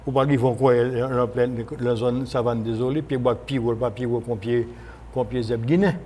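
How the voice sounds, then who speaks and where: Male radio guest, Haitian accent, medium pitch, explanatory and halting, noisy archive broadcast sound. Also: steady tone, darkish tone. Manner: explanatory, halting with repetitions and self-corrections. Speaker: guest, former senator. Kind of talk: unscripted radio interview discussion, switching between French and Creole.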